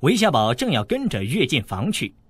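Husky male audiobook narrator. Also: mid-range voice, wildly swooping pitch, moderate pace, dry recording. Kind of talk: scripted novel narration.

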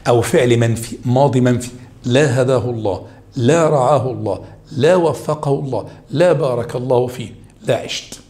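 A man with an Egyptian accent teaching a high school Arabic rhetoric review, animated and coaxing his students with pet names. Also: fairly quick.

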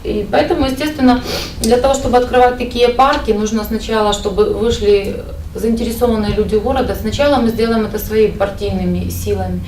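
A woman representing a party, answering press questions in a steady, explanatory way with some hesitations. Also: on the high side, fairly quick. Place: indoor press conference room. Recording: echoey room from far off, faint noise.

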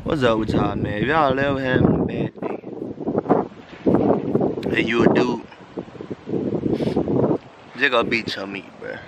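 A man's voice: mid-range voice, unhurried, long pauses. Young man, casual vlog chat, profane joking, handheld camera, noisy background. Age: young adult. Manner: joking, profane, talks to camera and to his dog. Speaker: vlogger. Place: backyard and a small shed room, in and out of doors. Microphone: handheld camera at arm's length.

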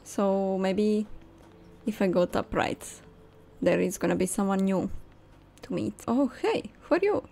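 With a medium-pitched, animated voice touched by vocal fry, a young woman comments casually on the game she's playing, speaking a little slowly. She's the host and gamer of this let's play, musing aloud while soft game music plays behind her.

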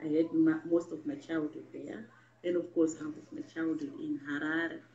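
Speaking to camera in a muffled, echoey room, this earnest Zimbabwean babywearing teacher and vlogger, in her forties, shares a story from her own life. Her deep, darkish voice stays steady, broken up by frequent ums and pauses.

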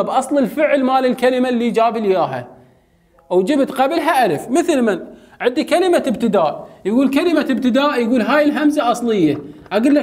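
A young adult male teacher with an Iraqi Arabic accent, giving a chatty lesson and asking his students questions, then answering them himself. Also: very high-pitched. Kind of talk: casual classroom lecture.

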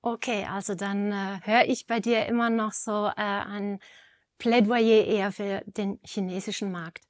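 A woman's voice: mid-range voice, fairly even intonation, measured pace, no room sound. A woman in her fifties hosting a studio interview, asking composed questions with light fillers. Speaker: host, interviewer.

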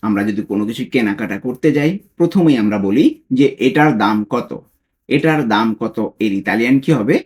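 A tutor from Bangladesh giving a language lesson, saying each foreign phrase slowly word by word and then explaining what each word means. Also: medium pitch.

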